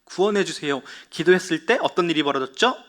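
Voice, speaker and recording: A man giving a children's sermon as a Sunday school preacher, telling a story, asking the children questions and answering them himself, and dropping to a hushed whisper at dramatic moments. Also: on the high side, sing-song, normal speed.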